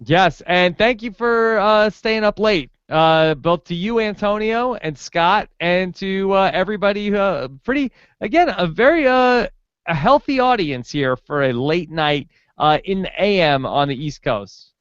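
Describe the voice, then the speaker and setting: A man co-hosting a casual recap podcast, relaxed and joking as he reads out the show's plugs. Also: high-pitched, a little slow, clean tone, no echo. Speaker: podcast co-host. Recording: dull, dry home recording.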